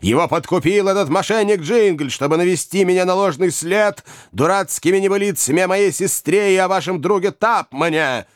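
A man's voice: high-pitched, normal speed, few pauses, dry recording, clean studio sound, pitched above the performer's own voice, natural voice. Male narrator as an old host, stout and hot-headed, barking commands, storybook reading. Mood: furious. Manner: bellowing, commanding.

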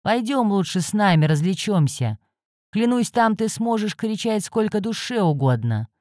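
A woman voicing a rough, drunken male troll thug with a gruff, leering manner. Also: mid-range voice, sing-song, normal speed, darkish tone, dry recording, clean studio sound, voice pushed up, close to an everyday voice.

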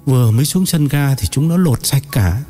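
A man's voice: medium pitch, animated, normal speed, warm tone, faint music behind, pitched above the performer's own voice, natural voice. A man voicing a weary, tearful man down on his luck, hesitant and pleading.

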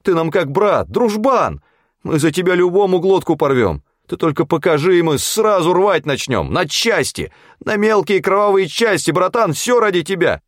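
A man voicing a scared young junkie who pleads and fawns in a hurried, whiny way. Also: fairly high pitch, very animated, darkish tone, no room sound, studio quality, pitched above the performer's own voice. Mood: whiny, pleading.

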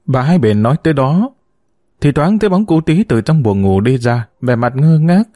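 A man reads a novel aloud in a steady, measured way. His voice is warm and mellow, at a middle pitch. The recording is dry and close, with no room sound. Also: no echo. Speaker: narrator. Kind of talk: audiobook narration of a novel.

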